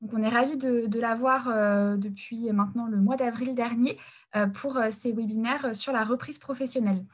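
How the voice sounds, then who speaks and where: A woman hosts an online webinar over a video call, her voice sitting a little higher than most. She speaks haltingly, often pausing on fillers and repeating words as she goes through the practical points. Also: fairly even intonation. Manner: hesitant, many fillers and restarts. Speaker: webinar host and support worker. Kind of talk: hosting a live webinar.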